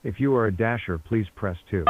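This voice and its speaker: Man's recorded phone menu, tinny line. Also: lowish voice. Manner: measured, polite menu prompts, repeats itself. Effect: recorded phone message over a phone line.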